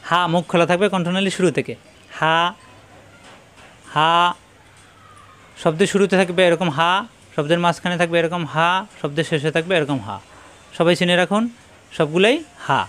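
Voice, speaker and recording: A man teaching Quran reading. He spells out letters and vowel marks slowly and repeats each sound patiently. His voice sits a little high for a man. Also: steady tone, fairly bright tone. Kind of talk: spelling-out recitation lesson.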